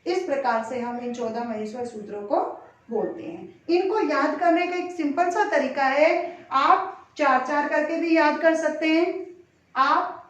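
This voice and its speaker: A woman with a Hindi accent teaching Sanskrit grammar in a slow lesson, reciting syllables one by one with careful pronunciation. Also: high-pitched, a bit bright. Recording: echoey room, distant dull mic.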